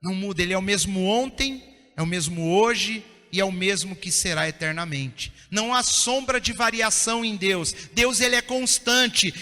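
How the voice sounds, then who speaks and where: High bright preaching man in a hall. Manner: impassioned preaching, often drops to soft intense tones. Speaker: pastor. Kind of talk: sermon. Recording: long reverb of a church hall.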